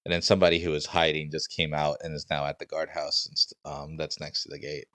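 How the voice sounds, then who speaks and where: A man's voice: very deep voice, little pitch movement, fast talker, pushed and bright, no echo. A man narrating as game master of a tabletop game, casual and hesitant with many fillers.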